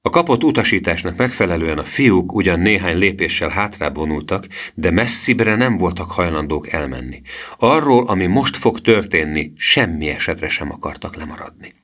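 A man narrating a children's storybook in an expressive reading style. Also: deep voice. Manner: expressive reading with lively voice swings. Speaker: audiobook narrator.

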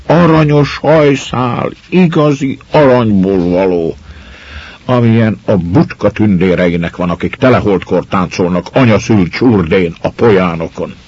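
A man voicing a shaggy young male shepherd who tells of a find in a hushed, mysterious way. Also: fairly low pitch, vocal fry, slightly rough, pitched above the performer's own voice, heavily acted. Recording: muffled lo-fi recording.

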